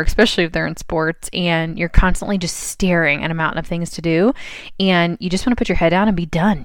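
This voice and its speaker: A woman's voice: on the low side, smooth, no echo. A woman hosting her own podcast in casual chat, stuffed up with a cold, chatty with many fillers and restarts. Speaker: podcast host.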